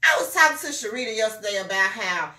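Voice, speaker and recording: A woman hosting a casual talk show, giving lively sponsor shout-outs and talking straight to her listeners. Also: fairly high pitch, fast. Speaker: podcast host. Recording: roomy echo, mic at a distance.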